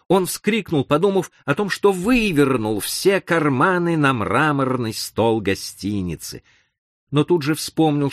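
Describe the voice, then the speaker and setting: Male narrator, theatrical reading, medium pitch, very animated intonation. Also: no room sound, studio quality. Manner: theatrical, widely varied delivery. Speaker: audiobook narrator. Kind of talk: dramatic storybook narration.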